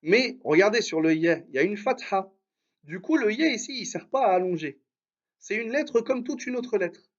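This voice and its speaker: A man's voice: high-pitched, animated, moderate pace, highs cut off. A man teaching Arabic reading in a live online lesson, patiently sounding out syllables and praising his students by name.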